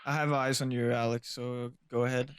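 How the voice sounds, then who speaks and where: A man chattering excitedly with his squad during a live military game, often exclaiming. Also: medium pitch, fairly quick, slight background noise. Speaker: player in a squad.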